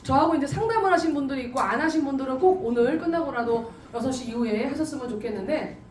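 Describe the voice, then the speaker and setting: A middle-aged woman hosting a camp event, speaking to a large audience in a lively way and laughing often. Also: sits high, quick pace, faint music behind. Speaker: event host. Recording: echoey hall, distant mic, crowd noise.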